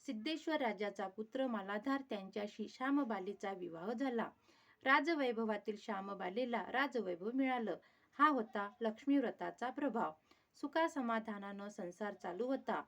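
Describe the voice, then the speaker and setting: A woman reading a devotional folk tale aloud in a steady, even narration. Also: fairly high pitch, normal speed. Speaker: storyteller.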